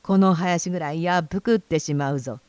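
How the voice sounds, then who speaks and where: A woman voicing a fat, greedy, quick-tempered rich man in a storybook reading, blustering and shouting threats. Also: on the low side, clear, resonant tone, no room sound, natural voice. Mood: furious.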